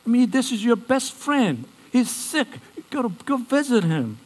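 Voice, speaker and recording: A man's voice: fairly high pitch, expressive, unhurried, long reverb tail, pitched above the performer's own voice. A man voicing worried young male disciples who are slangy, urgent and pleading in a sermon.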